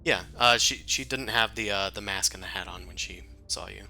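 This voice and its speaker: A man narrating a tabletop game as game master in a halting, informal, casual way. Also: lowish voice, gravelly, bright, forceful tone, soft background music.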